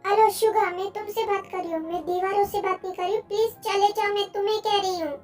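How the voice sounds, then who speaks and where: A woman's voice: extremely high pitch, steady tone, quick pace, a little mellow, recorded from a distance, faint music behind, pitched above the performer's own voice. A woman voicing an upset, complaining young woman in a fan audio drama. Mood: annoyed.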